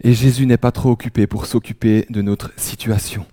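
Male preacher raised in France, mellow dark tone, dry close sound, intimate sermon delivery. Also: on the low side, steady tone, normal speed, no echo. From France, raised in Alsace. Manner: drops to a hushed near-whisper for emphasis; many restarts, conversational storytelling.

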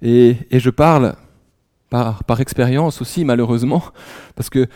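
Male preacher raised in France, mellow dark tone, dry close sound, intimate sermon delivery. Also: medium pitch, normal speed, dry recording. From France, raised in Alsace. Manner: drops to a hushed near-whisper for emphasis; many restarts, conversational storytelling.

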